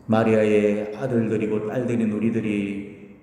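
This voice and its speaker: A man's voice: lowish voice, flat delivery, normal speed, warm tone. Man preaching in a reverberant church. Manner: earnest, exhortative, retells stories with acted quotes. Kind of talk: sermon. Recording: echoey church hall.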